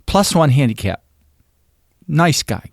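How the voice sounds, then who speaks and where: A man hosting an interview podcast, warmly agreeing with his guest and then moving into a story of his own. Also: a little high, very animated, slow pace, creaky, dry recording, studio quality. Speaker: podcast host. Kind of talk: interview conversation.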